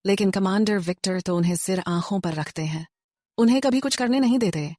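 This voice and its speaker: A woman's voice: medium pitch, fairly quick, darkish tone, no echo, studio quality, lightly acted. A woman voicing a gossipy neighbor wife on an army base in a dubbed drama. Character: gossipy neighbor wife, friendly but nosy.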